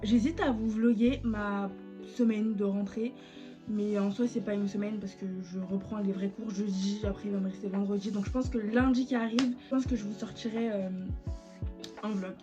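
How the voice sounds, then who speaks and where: A woman's voice: mid-range voice, steady tone, moderate pace. A woman, chatting casually as she vlogs. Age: late teens. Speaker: vlogger. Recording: muffled lo-fi sound, music behind.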